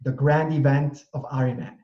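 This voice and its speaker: In an echoey room with dull audio, a middle-aged man who works as a real estate broker hosts a casual conversational interview. His mid-range voice is flat and moves at a moderate pace. He talks in long, rambling sentences packed with restarts and fillers.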